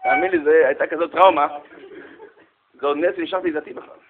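A man giving a humorous storytelling talk, animated and jokey, speaking straight to his listeners. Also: fairly high pitch, background noise. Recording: tinny phone-like sound.

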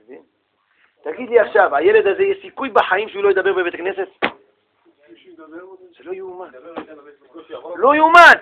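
A man teaching a religious lesson with animated storytelling, asking rhetorical questions and acting out the people in his stories. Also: very high voice, creaky, long pauses, narrow, tinny audio, noisy background. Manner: animated storytelling, acts out quoted voices. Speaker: Torah teacher.

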